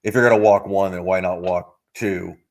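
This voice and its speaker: Deep-voiced man in casual baseball chat. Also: fairly even intonation. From United States. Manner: measured, hedging, thinks aloud with many "you know"s. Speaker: co-host of a baseball podcast.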